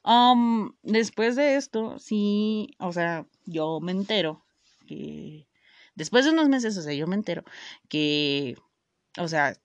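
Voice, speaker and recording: A woman's voice: on the low side, animated, takes it slowly, no room sound, muffled recording. Slangy young Mexican woman vlogging. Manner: slangy, full of fillers and swearing; frequent self-interrupting restarts. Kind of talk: casual storytelling to viewers.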